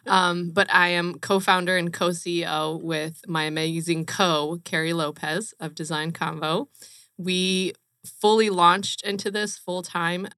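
A woman's voice: on the low side, little pitch movement, measured pace, pushed and bright, smooth, no echo, studio quality. A woman from Romania, a company co-founder, speaking earnestly and emphatically as an interview guest. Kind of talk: casual interview chat.

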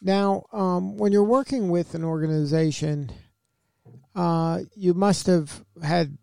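A man's voice: high-pitched, takes it slowly, gravelly, a little mellow, clean tone, no echo. A man hosting an interview, asking long, curious questions with hedging fillers. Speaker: interviewer, host.

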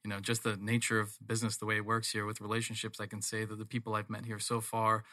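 A man's voice: lowish voice, monotone, quick pace, bright, forceful tone, no room sound, studio quality. A man with a North American accent speaking earnestly and at length as a business-owner guest in a conversational interview. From England, later Toronto, Canada.

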